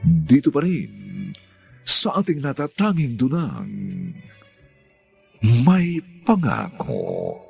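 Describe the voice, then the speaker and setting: A man announcing a radio drama title in slow, booming style. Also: huge pitch swings, creaky, darkish tone, breathy edge, soft background music. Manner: booming, drawn-out.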